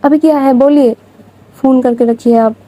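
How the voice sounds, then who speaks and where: A woman voicing a short-tempered young woman boss who talks in a quick, scolding way. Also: high-pitched, steady tone, warm tone, lightly acted, rough recording. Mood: impatient. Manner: scolding, rapid and impatient.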